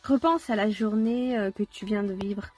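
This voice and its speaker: A woman's voice: mid-range voice, normal speed, a little mellow, soft background music, natural voice. A woman voicing a mysterious fairy aunt with a wand, who speaks in lofty, sage-like phrases. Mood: sagely.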